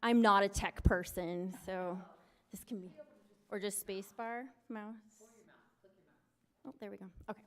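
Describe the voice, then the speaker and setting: A woman in her forties, a recreation coordinator presenting at a city meeting in an upbeat, loud lifeguard voice with many fillers. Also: medium pitch, fairly even intonation, a little slow, pauses often. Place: city council meeting room.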